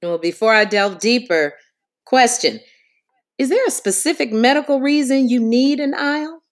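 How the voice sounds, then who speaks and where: A woman's voice: on the high side, moderate pace, close to an everyday voice. A woman playing an unflappable, officious airline agent with a polished customer service voice in a comedic phone drama. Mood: procedural, unruffled.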